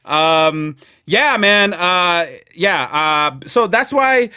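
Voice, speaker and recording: A man's voice: sits high, expressive, drawn-out words, bright, forceful tone, clear, resonant tone, dry recording, studio quality. A man hosting a podcast in casual chat, rambling and joking with friends. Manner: rambling, laughing, lots of fillers and jokes. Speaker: podcast host.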